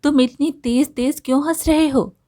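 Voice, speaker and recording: A woman voicing a brave, poor young village woman who talks in sharp, indignant questions. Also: high-pitched, steady tone, normal speed, pitched above the performer's own voice, lightly acted. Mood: curious.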